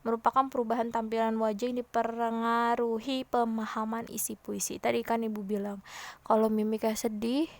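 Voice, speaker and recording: A woman teacher giving a casual lesson, lively, acting out example lines loudly and in hushed tones. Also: fairly high pitch, no echo.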